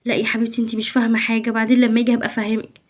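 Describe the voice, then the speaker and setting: A woman's voice: on the high side, monotone, racing, close to an everyday voice. A woman playing an anxious Egyptian mother. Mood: brushing off. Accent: Egyptian Arabic. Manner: anxious, hushed, reassuring. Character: worried devoted young mother of two. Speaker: mother in a family skit. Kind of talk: home-made family sketch acting.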